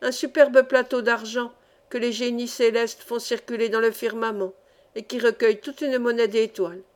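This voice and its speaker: A woman's voice: a little high, fairly even intonation, moderate pace, lightly acted. A woman voicing a jovial young miner who speaks in playful, florid phrases in a read-aloud novel.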